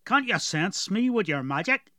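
A man voicing a gruff, thrifty male dwarf traveler with a strong rustic dialect who haggles in short, blunt phrases. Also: high-pitched, normal speed, darkish tone, dry recording, clean studio sound, pitched above the performer's own voice, close to an everyday voice.

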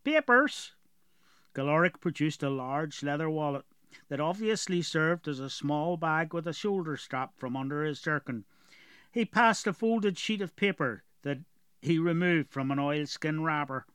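A man reading a storybook as narrator in a steady, even way. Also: fairly high pitch, normal speed, clean tone, dry recording, studio quality.

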